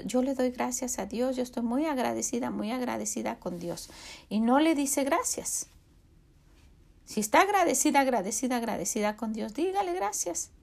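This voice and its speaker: A woman gives an earnest, encouraging devotional talk to other women. Her voice has a gravelly, creaky edge and sits at a middle pitch. She often sinks to a hushed whisper to stress a point. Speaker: women's ministry podcast host.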